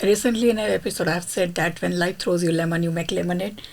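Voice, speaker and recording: A woman's voice: fairly low pitch, steady tone, fast talker, gravelly, a little mellow. A woman hosting a podcast interview, speaking in an effusive, encouraging way. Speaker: podcast host.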